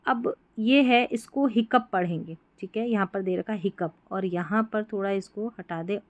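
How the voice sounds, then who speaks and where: A woman teaching English spelling and pronunciation, repeating each word slowly and quizzing the listener. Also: mid-range voice, no echo. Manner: repeats words and asks students to answer back.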